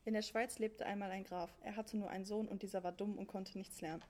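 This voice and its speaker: A woman's voice: medium pitch, flat delivery, fast talker, darkish tone. A woman narrating a fairy tale in casual youth slang.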